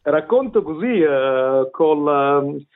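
A man's voice: a little high, expressive, slow. A middle-aged man with a Neapolitan accent telling his story as a radio interview guest, hesitant and wordy, often repeating words. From Naples, Italy. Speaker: interview guest, tenor and vocal coach. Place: remote call to a radio show. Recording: tinny phone-line radio call.

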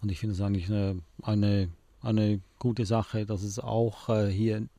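A man's voice: lowish voice, flat delivery, unhurried, mellow, no echo. A man hosting a radio book discussion, hesitant with frequent fillers as he asks questions. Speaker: radio show host.

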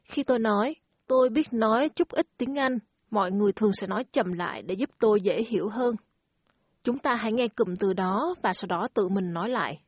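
A woman's voice: medium pitch, fairly quick, slightly rough, no echo, studio quality. A woman hosting a language lesson, speaking in a friendly, encouraging teacher tone. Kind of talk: scripted lesson narration.

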